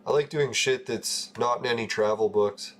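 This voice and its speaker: A Canadian man in his forties rambles casually on a gaming livestream, his mid-range voice a bit bright at normal speed. He swears often and laughs at his own stories.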